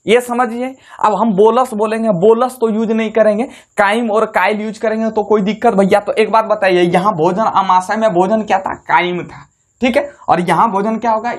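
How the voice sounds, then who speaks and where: Folksy male biology teacher. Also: sits high. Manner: repeats questions and answers them himself; folksy, jokey asides to students. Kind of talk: classroom biology lesson.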